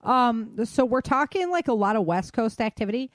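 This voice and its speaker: An American woman hosts a podcast, chatting through the news unscripted in a casual, self-deprecating way. Her voice is fairly high and expressive, at a moderate pace, recorded dry with clean studio sound.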